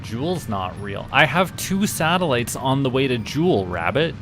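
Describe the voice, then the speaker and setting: A livestream host with a Canadian accent plays a space simulation game and gives casual commentary to his live chat. His voice is medium-pitched with big pitch swings at a moderate pace, and the background is noisy with music.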